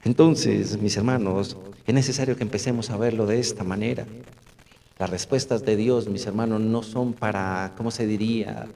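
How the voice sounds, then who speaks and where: A man's voice: on the low side, steady tone, moderate pace, vocal fry, mellow. A middle-aged man, a pastor preaching a sermon to a congregation, often asking rhetorical questions and calling out to his brothers. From Colombia. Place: church hall with about fifty or sixty people. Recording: echoey church hall.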